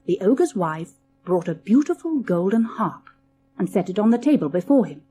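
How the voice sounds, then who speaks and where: A woman narrating a children's fairy tale from a storybook cassette in a measured, expressive reading. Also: mid-range voice, slight background noise.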